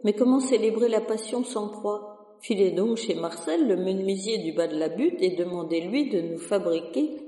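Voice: mid-range voice, animated, warm tone, close to an everyday voice. A storyteller voicing a flustered old village priest who urges and scolds in a panic, with faint music in an echoing room. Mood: panicked. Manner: frantic, hurried urging.

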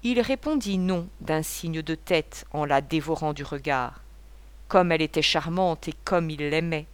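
A woman narrates a novel at a measured pace, her voice low-set. The reading is steady and literary. The recording is close and dry. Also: clean tone, no echo. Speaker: audiobook narrator. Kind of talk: scripted narration.

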